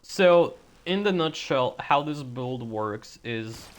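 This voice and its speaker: A man's voice: medium pitch, lively intonation, takes it slowly. A man streaming a video game, talking casually and rambling with frequent stutters while feeling a little sick. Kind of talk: casual gameplay commentary.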